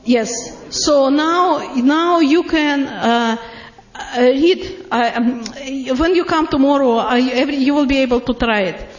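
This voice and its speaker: A woman with a strong Russian accent demos devices to a live audience, pausing often on fillers and laughing readily. Her voice sits high. The recording is roomy and dull, like a lo-fi capture of a meeting room. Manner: halting, many "uh" fillers, laughs easily. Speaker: product presenter. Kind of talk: live product demonstration to an audience.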